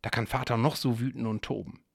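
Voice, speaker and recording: A roguish young prince who shrugs off every rule, speaking in a low, teasing murmur, as a man reading a story puts him on. The voice is gravelly and rough at the edges, and the recording is close and dry. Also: steady tone, quick pace, no echo. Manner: hushed, teasing. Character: mischievous young male twin, rule-breaking prince.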